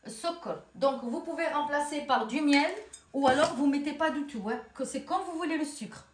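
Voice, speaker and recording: A woman with a Tunisian accent hosting a casual cooking tutorial at home, talking warmly to viewers as if to her own daughters and children. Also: high-pitched, moderate pace. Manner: chatty, addresses viewers as girls and children. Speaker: cooking channel host. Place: home kitchen. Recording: echoey kitchen with faint noise.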